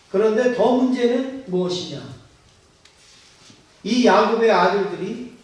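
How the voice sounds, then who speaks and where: A man's voice: sits high, a little mellow. A man preaching a sermon as pastor, putting rhetorical questions to his congregation. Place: church sanctuary. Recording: echoey church hall, mic at a distance.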